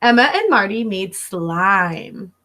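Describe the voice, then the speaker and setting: A woman in her thirties who teaches elementary school reads a children's story aloud in her living room, her mid-range voice sharp-toned and sing-song. She goes slowly, speaking to young listeners directly with expression and instruction.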